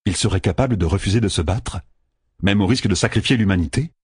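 A man narrates a fantasy audiobook in expressive storytelling, often dropping low for suspense. His voice is low and husky, with a lively rise and fall. The recording is dry and close. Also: fast, no room sound.

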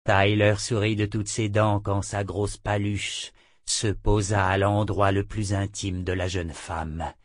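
In a clean studio recording with a dry sound, a man narrates an audiobook. His delivery is calm and even, and his pitch is fairly low.

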